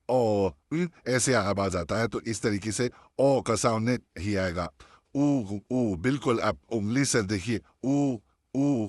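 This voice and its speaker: Male instructor, lowish voice, dry close recording, patient and repetitive, drawing out demo sounds. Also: dry recording. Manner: patient, repeats sounds slowly for practice. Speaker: Tajweed teacher. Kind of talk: online class instruction.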